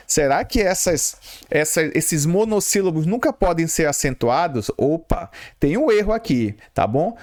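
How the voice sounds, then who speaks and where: Man teaching grammar, self-questioning style. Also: on the high side. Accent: Brazilian Portuguese. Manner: explains step by step, asks and answers his own questions, adds "tá bom?" and "ó". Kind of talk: exam-prep grammar lesson.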